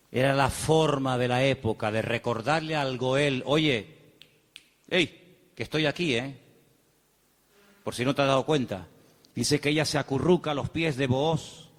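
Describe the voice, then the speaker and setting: A man's voice: mid-range voice, long reverb tail. A male pastor preaching a sermon, piling up rhetorical questions and acting out quoted dialogue.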